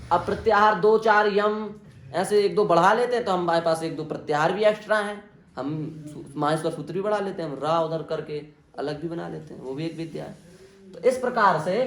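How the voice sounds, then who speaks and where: A man's voice: high voice, echoey room. A man teaching Sanskrit grammar to a class, explaining the sounds and having students say them back to check their pronunciation. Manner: drills students on pronunciation, asks them to repeat. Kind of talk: classroom lesson. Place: indoor classroom.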